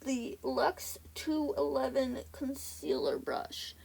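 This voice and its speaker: A woman's voice: high-pitched, big pitch swings, takes it slowly, a little mellow. A woman talking casually in a voiceover, rambling and correcting herself, her voice a bit off today. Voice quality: gravelly fry in her voice. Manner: rambling, self-correcting, lots of ums. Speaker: beauty vlogger. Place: home, indoors.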